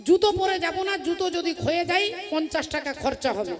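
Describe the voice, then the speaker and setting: A woman telling a devotional story, voicing an old male miser who flatly refuses to spend a single coin. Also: very high-pitched, a little fast, over music. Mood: stubborn stingy. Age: older. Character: stingy old male miser, penny-pinching and stubborn.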